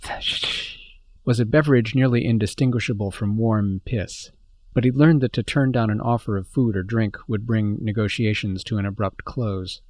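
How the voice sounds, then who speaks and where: A man reading a science fiction story aloud as narrator, in a steady, measured way. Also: fairly low pitch.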